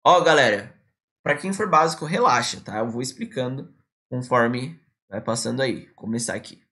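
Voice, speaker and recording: A man teaching English on a live stream, dropping into slow, careful English for his examples. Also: mid-range voice, bright, forceful tone.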